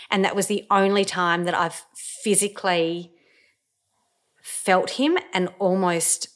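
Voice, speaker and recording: A woman, candidly telling a personal story with casual swearing and fillers. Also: fairly low pitch.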